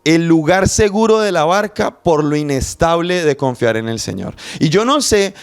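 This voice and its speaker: A man's voice: on the high side, animated, moderate pace, smooth, dry recording, studio quality. A young man preaching a sermon, earnest and passionate, speaking directly to the listener.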